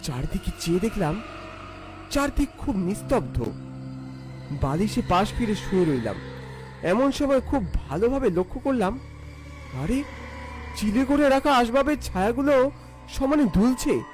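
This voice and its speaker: A man's voice: very high voice, big pitch swings, measured pace, pauses often, faint music behind. A man narrating a scripted first-person ghost story in a theatrical, suspenseful way.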